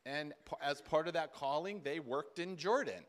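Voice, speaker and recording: A middle-aged man addresses a conference audience at a moderate pace, his voice a little high, in a casual sermon manner full of repeated words and acted-out dialogue. The setting is a large indoor hall with people seated, and the sound comes from a camera far back in the room.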